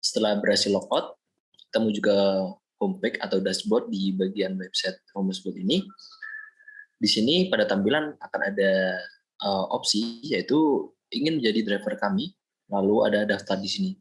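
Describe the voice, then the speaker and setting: A young man from Indonesia, a student, explaining a software project step by step in a screen-recorded walkthrough, often pausing with fillers. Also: lowish voice, low-quality recording. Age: young adult. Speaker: student presenting a project demo.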